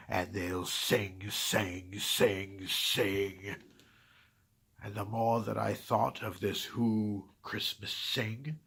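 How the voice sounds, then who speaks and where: A man voicing a grumpy, scheming holiday-hating Grinch in a dramatic first-person storybook reading, sneering, hissing in whispers and bursting out loud. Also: fairly low pitch, full character voice. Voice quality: gravelly, raspy. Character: grumpy scheming green male holiday-hater.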